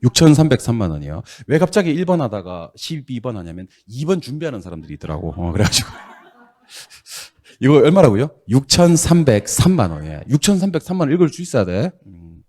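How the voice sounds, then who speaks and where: A middle-aged man teaching a real estate exam class, drilling students on reading numbers aloud in a brisk, teasing, scolding way. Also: mid-range voice, sing-song. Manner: brisk, scolding, teasing, loud bursts of exasperation.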